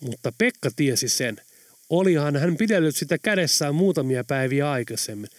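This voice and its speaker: Male audiobook narrator, measured scripted reading, expressive pitch. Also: no room sound, clean studio sound.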